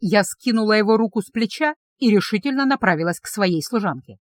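A woman reads a first-person fantasy novel aloud with lively, expressive delivery. Her pitch moves a great deal as she tells the story. The recording is close and dry, with no room sound. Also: brisk, no echo. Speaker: audiobook narrator.

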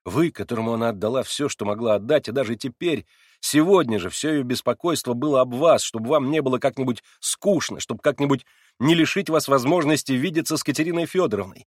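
A man reading a novel aloud and voicing an earnest grown man who reproaches steadily and gravely. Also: mid-range voice, fast talker, dry recording, clean studio sound, pitched above the performer's own voice, close to an everyday voice. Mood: reproachful.

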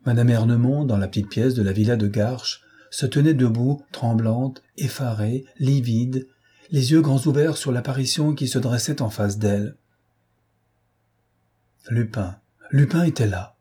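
A man narrating an audiobook in a measured, steady way. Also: medium pitch, husky. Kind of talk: scripted narration.

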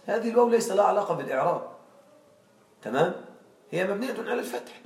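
A male teacher giving a classroom grammar lesson, regularly checking understanding with quick questions to his students. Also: high voice, expressive, gravelly, a little mellow. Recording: echoey room, far from mic.

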